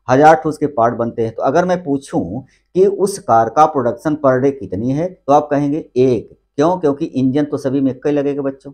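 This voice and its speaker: A man's voice: mid-range voice, a little mellow. Male chemistry teacher lecturing in Hindi. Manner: keeps calling the students "बच्चों"; mixes English terms into Hindi. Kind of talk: classroom lecture.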